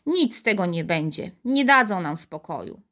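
An easygoing young boy from a children's storybook who calmly reassures his friend. The voice sits a little lower and unhurried, voiced by a woman reading aloud. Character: calm, playful young boy.

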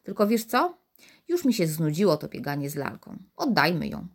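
A woman voicing a calm, playful young boy in a children's storybook reading. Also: low voice, normal speed, full character voice. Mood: easygoing. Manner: reassuring, easygoing.

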